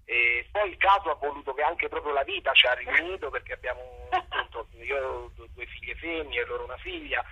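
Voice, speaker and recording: Very animated and a little fast, a middle-aged man with a pushed, bright, breathy mid-range voice speaks with few pauses on a lo-fi recording. A guest theatre director in a conversational interview, he is still hesitant and reflective, repeating words as he searches for how to put things.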